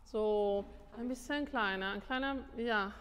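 A woman, a singing teacher coaching a student in a masterclass, animated and tired, repeating words and slipping into English. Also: mid-range voice, measured pace, clear, resonant tone. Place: music school room. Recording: long room reverb.

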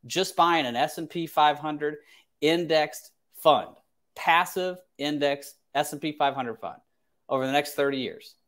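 A man in his thirties hosts an advice livestream as a financial advisor from a small home office. His voice is on the high side and a bit bright. He speaks emphatically and repeats phrases to drive his points home.

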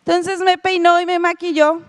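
A woman's voice: extremely high pitch, little pitch movement, normal speed. A middle-aged woman giving a lecture with a personal testimony, telling her story and speaking directly to her audience. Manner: storytelling, addresses listeners directly, acts out quoted dialogue. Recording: long hall reverb.

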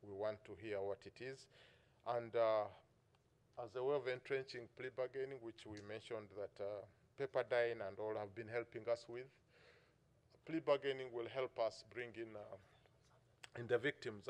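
A middle-aged man with a Ugandan accent speaks in a measured, anecdotal way on a conference panel. His voice sits at an ordinary middle pitch, and he often pauses on "uh" and restarts his sentences as he works through a legal story. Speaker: public prosecutions director, panel speaker. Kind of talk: symposium panel talk.

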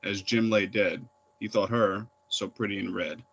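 A man's voice: lowish voice, moderate pace, fairly bright tone, breathy edge, muffled recording. A young man reading his own poems aloud at an open reading, plain and unpolished, with fillers between poems. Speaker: poet reading. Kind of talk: poetry reading.

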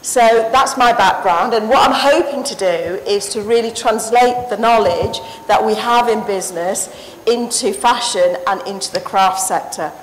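A woman's voice: mid-range voice, moderate pace, a little hiss or hum, low-quality recording. A woman, giving an earnest, passionate conference talk into a handheld mic on a stage. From Sri Lanka. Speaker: conference paper presenter. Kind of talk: conference presentation.

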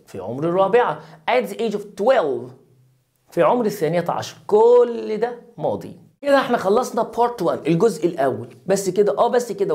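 A woman's voice: mid-range voice, a little mellow. Egyptian woman teacher drilling English words. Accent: Egyptian Arabic. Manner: repeats English words slowly with drilled stress, then explains briskly. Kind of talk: recorded grammar lesson for children.

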